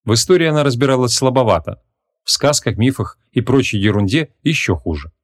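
A man narrating a humorous fantasy audiobook in an expressive, lively storytelling manner. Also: medium pitch, brisk. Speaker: audiobook reader. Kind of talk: scripted narration.

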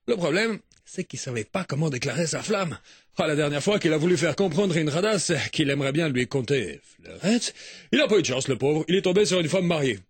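A man's voice: a little high, big pitch swings, brisk, breathy edge, no room sound, clean studio sound. A man doing a comic radio monologue in a theatrical, mock-poetic, exaggerated way. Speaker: radio morning show comedian.

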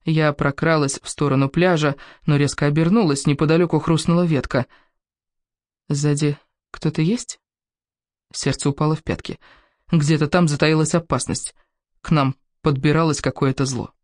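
A man's voice: on the high side, steady tone, brisk, no room sound, clean studio sound. A man narrating a first-person story in a tense, dramatic reading.

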